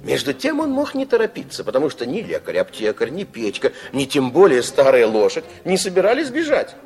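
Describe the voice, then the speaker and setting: Over soft background music, a man of medium pitch briskly narrates a Soviet children's radio play. His storytelling is theatrical and expressive, with the playful, confiding air of a fairy-tale narrator.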